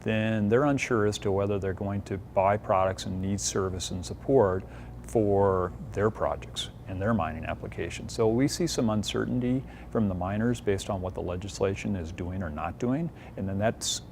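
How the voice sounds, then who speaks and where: A man's voice: on the low side, moderate pace, a little mellow, slight background noise. A man from a mining supplier speaking steadily about his concerns in an interview.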